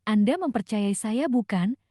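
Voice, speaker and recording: A woman's voice: mid-range voice, animated, a little slow, mellow, dry recording, studio quality. A woman voicing a firm, insistent young husband in a read-aloud drama recap, in her own voice.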